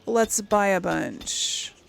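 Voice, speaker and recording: Talking extremely slowly in a creaky, mid-range but animated voice, a woman hosts a gaming video. Her commentary is casual: she thinks aloud, murmurs to herself and reads out the item text.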